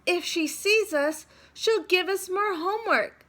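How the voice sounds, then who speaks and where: A woman voicing worried, eager schoolchildren in a storybook, with an excitable, earnest manner. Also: extremely high pitch, measured pace, voice pushed up, full character voice. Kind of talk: children's storybook read-aloud.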